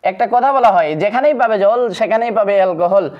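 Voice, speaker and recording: A teacher giving a chemistry lesson to secondary students. The teacher recites long lists of compound names in a steady drill, pauses often on fillers, and addresses viewers as friends. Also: mid-range voice. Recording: dull lo-fi recording.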